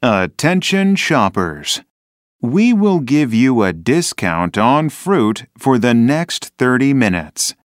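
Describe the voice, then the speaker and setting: A man voices a store announcer making a supermarket announcement at a measured, unhurried pace. The delivery is clear and scripted, with lively rises and falls in pitch. The sound is dry and close, recorded in a studio for a listening test. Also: no echo. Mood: announcing. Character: adult male store announcer.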